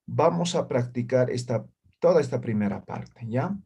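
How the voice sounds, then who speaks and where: A man teaching a language class over a video call. He is patient, checks in constantly with short tag questions, and says practice syllables loudly and distinctly. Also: mid-range voice, expressive, normal speed, creaky, slightly rough, highs cut off. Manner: patient, ends phrases with "¿ya?" and "¿no?". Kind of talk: online class.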